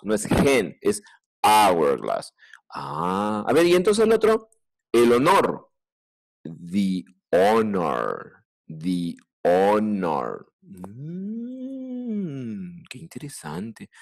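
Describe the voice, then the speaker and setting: A man teaching a primary school English class online with a Peruvian Spanish accent, drilling pronunciation through repetition. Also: medium pitch. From Peru.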